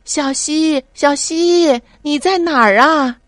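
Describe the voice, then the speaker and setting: A woman voicing a caring mother in a bedtime story, with a gentle calling voice. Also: medium pitch, very animated, moderate pace, no echo, clean studio sound. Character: worried loving young mother.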